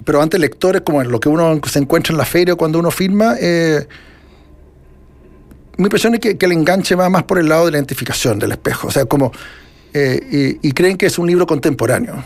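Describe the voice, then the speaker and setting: A middle-aged man with a Chilean Spanish accent, an author, answers interview questions in a casual conversation. His voice is a little high and fairly quick, and his answers ramble reflectively with lots of restarts.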